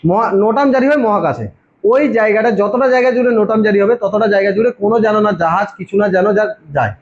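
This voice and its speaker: A man's voice: sits high, fast talker. A man teaching an exam-prep geography class, who keeps firing questions at his students and answering them himself. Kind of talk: informal classroom lecture. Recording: dull lo-fi recording.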